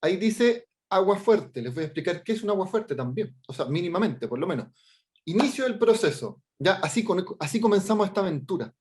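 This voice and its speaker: A man's voice: high-pitched, big pitch swings, a little mellow. A middle-aged man with a Chilean accent, an artist and teacher presenting his work informally over a video call, hesitant, with many fillers and frequent check-ins. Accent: Chilean Spanish. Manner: halting, many fillers and restarts, keeps checking in with "¿ya?". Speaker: artist and teacher giving a workshop talk.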